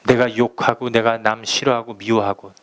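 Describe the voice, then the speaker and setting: A man preaching a sermon as pastor, speaking slowly and emphatically, and acting out little stories for his listeners. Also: medium pitch, flat delivery, fairly bright tone. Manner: emphatic preaching, slow deliberate phrasing, acting out anecdotes.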